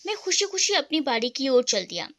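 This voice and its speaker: Woman storyteller, high pitch, bright tone, scripted narration, one voice for all characters. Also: very animated, fairly quick. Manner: reads every character herself, in a male first-person narrator voice.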